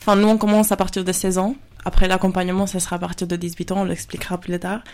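Radio guest, woman in her twenties, Spanish accent, flat steady delivery, halting. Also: lowish voice. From Spain. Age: 20s. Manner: hesitant, many fillers. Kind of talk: radio interview answers. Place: radio studio.

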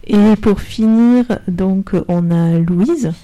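A woman's voice: mid-range voice, extremely slow, mellow, muffled recording. A woman hosting a radio talk show in a studio, introducing guests with hesitant fillers.

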